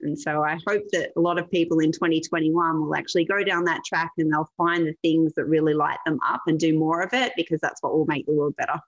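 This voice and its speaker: A woman's voice: sits low, steady tone, fast talker, few pauses, lo-fi sound. A woman speaking as an interview guest, earnest and motivational in her delivery. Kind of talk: interview conversation.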